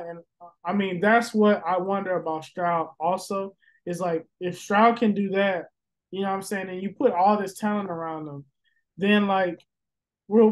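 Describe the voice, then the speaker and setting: A man with a fairly high voice talks football on a casual podcast. He rambles, circling back through fillers and restarts, and swears freely as he thinks out loud. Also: rough recording. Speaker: podcast host. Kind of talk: casual sports podcast chat.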